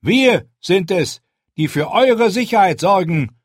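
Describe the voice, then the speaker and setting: A man voicing a stern young male commander who gives a forceful, rallying speech in an audiobook. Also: sits high, expressive, slow pace, no echo, studio quality, voice pushed up, full character voice. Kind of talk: audiobook character voice.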